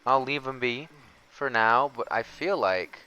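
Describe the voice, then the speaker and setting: A man's voice: medium pitch, measured pace, bright, forceful tone, clear, resonant tone, dull audio. A man giving casual let's play commentary, thinking aloud and reacting expressively. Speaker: gaming streamer.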